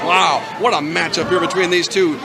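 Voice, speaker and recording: High-pitched excitable male wrestling announcer, loud crowd. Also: normal speed, creaky. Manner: excitable, exclaiming at big moves. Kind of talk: live pro wrestling play-by-play commentary. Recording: loud crowd noise behind commentary.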